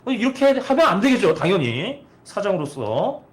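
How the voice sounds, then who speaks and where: A man's voice: high voice, big pitch swings, normal speed. A man in his thirties giving a training lecture to installers, often opening with a filler and asking the audience questions. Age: 30s. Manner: poses rhetorical questions to listeners; opens sentences with "ja". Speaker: trainer for air conditioner installers.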